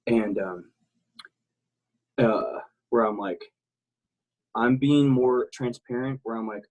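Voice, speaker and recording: A man's voice: medium pitch, slow, phone-quality sound. A man from South Texas talking casually as a podcast guest, candid and rambling, swearing freely. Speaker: guest, military veteran.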